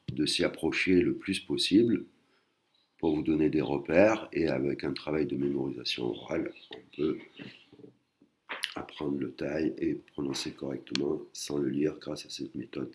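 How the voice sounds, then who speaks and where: Very deep-voiced man teaching. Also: moderate pace. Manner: patient, repeats and rephrases himself. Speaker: Thai teacher. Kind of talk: explanatory online lesson.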